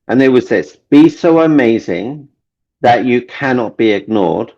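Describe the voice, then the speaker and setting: A Kenyan relationship coach, appearing as a guest, gives a motivational interview in an expressive mid-range voice that runs a little slow and a little mellow. He speaks earnestly and repeats key phrases for emphasis, and the lo-fi recording sounds dull.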